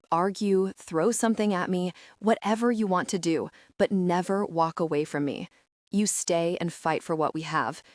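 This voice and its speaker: A woman's voice: lowish voice, darkish tone, no room sound, clean studio sound, natural voice. A woman voicing an intense, protective, dominant billionaire man who speaks tenderly and earnestly. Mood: insistent.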